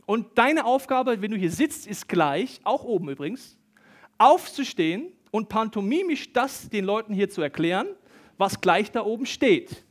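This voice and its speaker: High-voiced animated preacher. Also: male voice, moderate pace. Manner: animated, acts out quoted voices, talks directly to the congregation. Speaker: pastor. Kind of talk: lively sermon with Bible reading. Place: church service hall with an audience. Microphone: stage microphone.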